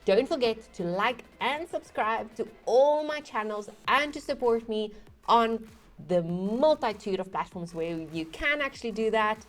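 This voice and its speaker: With a fairly high voice, lively intonation, and an unhurried pace, this music reaction channel host talks casually to viewers from her home studio through a gaming headset. Her chat wanders, full of fillers and asides, and she laughs at herself.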